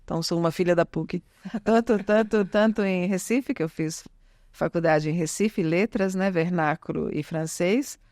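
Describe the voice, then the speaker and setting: At a normal speed, her lowish, darkish voice comes through in a dry, clean studio recording. This Italian-born, middle-aged native Italian speaker rambles as a guest in a casual podcast interview, self-correcting and leaning on a frequent "né?".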